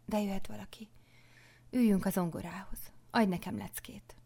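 A woman reading an audiobook, voicing a passionate convent abbess in a soft, breathless, pleading tone. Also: mid-range voice, fairly even intonation, gravelly, breathy edge. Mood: hushed.

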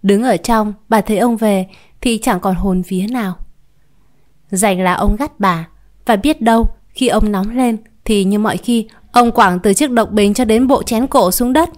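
A woman storyteller reading a short story aloud in a calm, even narration. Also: mid-range voice, measured pace.

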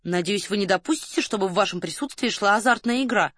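A woman's voice: mid-range voice, fast talker, a bit bright, dry recording, lightly acted. A woman voicing a prim, earnest male staff captain, timid and apologetic. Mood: indignant.

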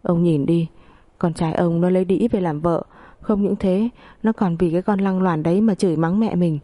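A woman's voice: on the low side, fairly even intonation, moderate pace, warm tone, no echo, close to an everyday voice. A woman voicing a furious, abusive older mother-in-law who screams insults and wails in an audio story. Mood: wailing.

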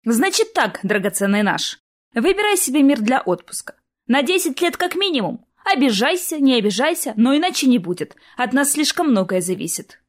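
A woman's voice: fairly high pitch, big pitch swings, a little fast. A woman voicing a slight, firm woman of about thirty who speaks coolly and commandingly. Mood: stern. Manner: cool and commanding.

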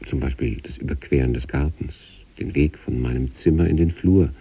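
A male actor plays an introspective sanatorium patient, narrating eerie experiences in a measured, deliberate, literary radio style. His dark, low, husky voice is exaggerated, while his mood stays calm and absorbed.

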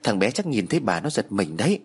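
A man's voice: fairly low pitch, sing-song, quick pace, husky, exaggerated voice. A man voicing an easygoing young brother who laughs off fears, in a spoken horror story. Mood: dismissive.

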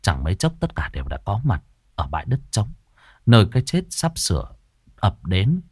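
Lively low-voiced male storyteller. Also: normal speed, husky, no room sound, studio quality. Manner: dramatic, expressive. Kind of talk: scripted ghost story narration.

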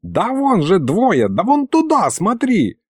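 A man's voice: fairly high pitch, sing-song, measured pace, a little mellow, no echo, studio quality. A man reading an audiobook voices an old grandfather with folksy, rustic speech who grumbles and sighs. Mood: urgent. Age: older.

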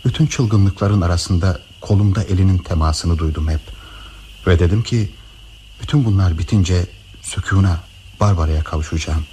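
A man plays a widower pouring out a long-hidden love in a radio play. His deep, mellow voice stays slow and tender, with a faint hiss underneath. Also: natural voice. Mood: tender, confessional. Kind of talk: broadcast radio drama acting.

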